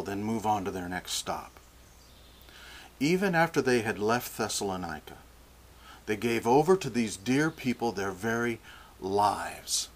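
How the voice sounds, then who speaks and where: Older male preacher, unhurried sermon delivery, low voice, deliberate restarts.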